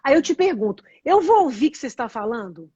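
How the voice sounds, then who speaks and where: A woman's voice: high voice, very animated, fast talker, dark tone, breathy edge, no echo, muffled recording. A woman with a Brazilian Portuguese accent, hosting a casual live chat and earnestly explaining ideas while often restarting her phrases. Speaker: host explaining meditation and nonviolent communication.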